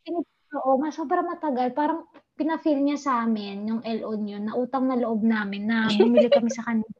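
A woman's voice: a little high, brisk, lo-fi sound, a crowd in the background. A young woman chatting casually as a vlogger, laughing often and mixing English into her talk. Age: young adult. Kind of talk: casual chat.

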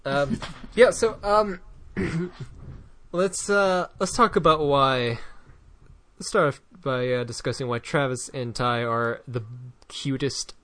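A man's voice: medium pitch, slow, a bit bright, no room sound. Joking man co-hosting a podcast. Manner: jokey, breaks into sung lyrics. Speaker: podcast co-host. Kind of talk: casual chat.

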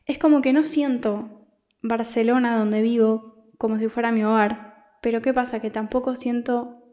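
A young Argentine woman hosts her podcast, rambling through a confiding personal monologue full of restarts in an Argentine Spanish accent. Her voice is a little high and dark, with a steady tone and a moderate pace.

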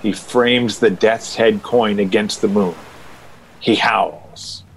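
A man's voice: fairly low pitch, steady tone, slow, gravelly, slight background noise, low-quality recording. A man narrating an audio drama in a dramatic, scripted style.

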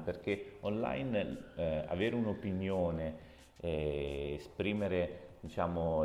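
A man, an author, answering interview questions in a reflective, measured way with a light touch of humor. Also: low voice, warm tone. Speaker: author and guest. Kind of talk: podcast interview. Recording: echoey room with long reverb.

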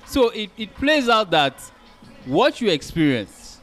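Animated Nigerian male podcast co-host, young adult, slightly high voice. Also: takes it slowly, soft background music. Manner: animated storyteller, rises loud when excited. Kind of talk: casual chat.

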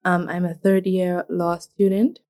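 A young woman student from the Bahamas speaks as a podcast guest in a friendly, articulate manner with a playful touch. Her voice sits somewhat low for a woman. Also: flat delivery, measured pace, warm tone. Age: young adult. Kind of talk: casual podcast chat.

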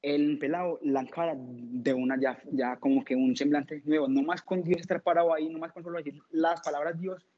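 Halting man preaching, lo-fi. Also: fairly high pitch, steady tone. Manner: halting, with many stammered restarts and repeated words. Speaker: lay preacher giving testimony. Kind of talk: informal preaching testimony to a group. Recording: dull lo-fi recording.

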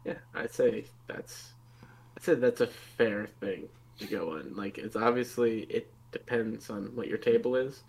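An easygoing man co-hosting a relaxed gaming podcast. His voice sits low, with a gravelly fry running through it. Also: measured pace, low-quality recording. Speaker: podcast co-host. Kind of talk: casual chat.

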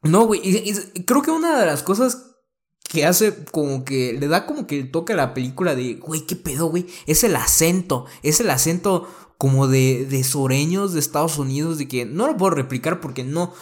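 Slangy Mexican man, fairly high voice. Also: normal speed. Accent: Mexican Spanish. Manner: slangy, profane, animated retelling. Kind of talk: casual chat.

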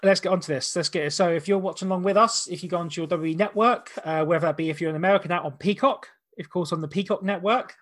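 A man's voice: high-pitched, quick pace, few pauses, fairly bright tone. A man hosting a casual watch-along podcast, rambling and often rephrasing himself as he goes. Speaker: podcast host.

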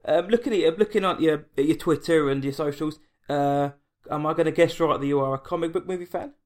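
A man's voice: fairly high pitch, fairly quick, darkish tone. A man with an English accent, hosting a film podcast and chatting casually with a guest over an online call. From England. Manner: chatty, self-deprecating, with restarts. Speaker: podcast host. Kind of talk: casual interview chat. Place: home, late at night.

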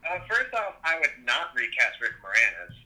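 A man's voice: medium pitch, wildly swooping pitch, moderate pace, crowd noise, rough recording. A man calling in on speakerphone, chatting casually in a hesitant way, full of fillers and swearing freely. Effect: heard over speakerphone. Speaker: podcast co-host calling in. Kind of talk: casual banter.

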